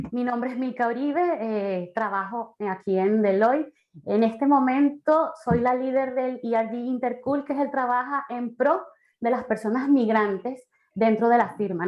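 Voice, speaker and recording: Woman, fairly high voice, earnest, effusive, panelist, video call. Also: dull audio. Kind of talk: online talk.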